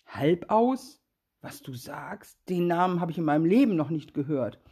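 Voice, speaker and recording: A woman's voice: low-pitched, fairly quick, mellow, husky, heavily acted. A woman voicing a trusting, good-natured little female mouse, eager and wondering.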